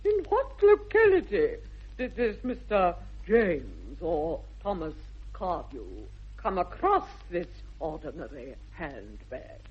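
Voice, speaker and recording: A woman's voice: on the low side, huge pitch swings, takes it slowly, breathy edge, exaggerated voice. An actress playing a formidable, snobbish older aristocratic lady with an upper-class English accent in a British radio comedy of the 1960s, haughty and theatrical. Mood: scandalised. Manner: imperious, haughty, theatrical swooping delivery. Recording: dull vintage radio recording.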